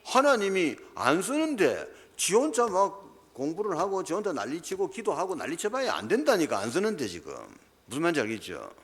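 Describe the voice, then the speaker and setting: Male Gyeongsang-accented preacher with a lively, swooping delivery and pointed rhetorical questions, recorded with a long church-hall echo. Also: on the high side. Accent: Gyeongsang Korean. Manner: emphatic, keeps asking rhetorical questions. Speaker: pastor. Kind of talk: sermon.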